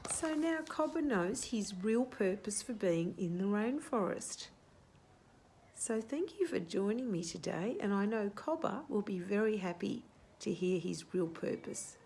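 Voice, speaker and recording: An Australian woman reading a children's picture book aloud in a gentle storytelling manner, then thanking her listeners. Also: mid-range voice, expressive, unhurried.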